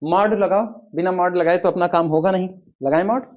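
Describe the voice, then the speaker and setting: Guy teaching math, high voice, slow dictation, dull lo-fi sound. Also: steady tone. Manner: slow, dictates step by step, quizzes students. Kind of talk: classroom lecture.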